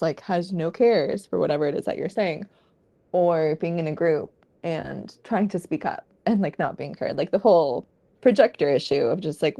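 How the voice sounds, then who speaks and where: Mellow-voiced woman sharing earnestly. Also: on the low side. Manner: earnest, heartfelt, rambling. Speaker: podcast co-host. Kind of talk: casual chat.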